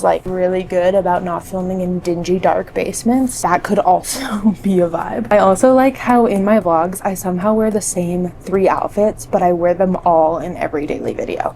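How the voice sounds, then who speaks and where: A woman's voice: fairly low pitch, creaky, dark tone, slight background noise. A young woman vlogging from home, chatty and self-deprecating, with faint music behind her. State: out of breath. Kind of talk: casual vlog chat. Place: home, indoors.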